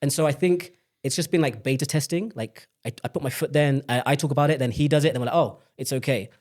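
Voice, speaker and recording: A man's voice: medium pitch, fast talker, darkish tone. A young man from the UK speaking as a podcast guest, telling personal stories in an open, reflective way. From United Kingdom. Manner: open, reflective storytelling with many restarts. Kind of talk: candid personal conversation.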